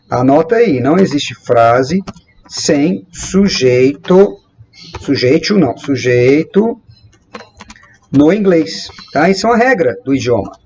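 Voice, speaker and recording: A man from Brazil teaching English grammar, lively and repeating example sentences slowly and with emphasis. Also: sits high, dull audio. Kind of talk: explaining grammar at a whiteboard.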